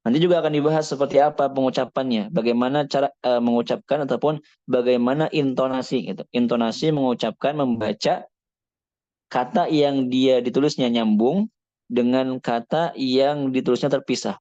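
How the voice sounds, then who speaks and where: A man of middle pitch teaching a Quran recitation lesson, reciting Arabic passages between his explanations. He asks questions and then answers them himself. The sound is dry and a little dull, like a lo-fi recording. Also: fairly even intonation, normal speed, dark tone, dry recording. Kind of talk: kitab study lesson.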